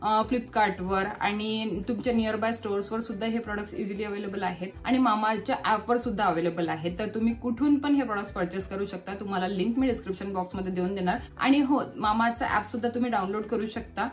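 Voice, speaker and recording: A woman's voice: medium pitch, a little fast, hardly any pauses. A woman in her thirties with a Marathi accent, chatting casually in her vlog and explaining products step by step. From Maharashtra, India. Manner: chatty, explains step by step, mixes English words into speech. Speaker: vlogger.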